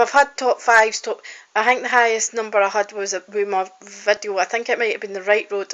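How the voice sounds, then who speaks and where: A singer-songwriter and college student records a personal video diary on her phone, talking casually to the camera. Her voice is fairly high and fairly bright, and she rambles heartfeltly with frequent ums and restarts. The recording is low-quality.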